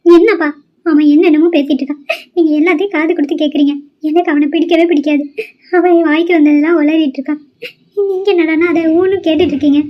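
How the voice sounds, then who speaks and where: A woman's voice: sits high, fairly even intonation, fairly quick, natural voice. A woman voicing an upset young cartoon girl. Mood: pleading. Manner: pleading and protesting. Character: upset young female college student. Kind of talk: cartoon voice acting. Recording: dull lo-fi audio.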